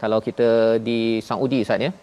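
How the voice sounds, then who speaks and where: A man's voice: mid-range voice, steady tone, a little fast, a little mellow. A man from Malaysia hosting a televised Quran lesson, explaining verses in an emphatic, preaching way. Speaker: Quran teacher and host.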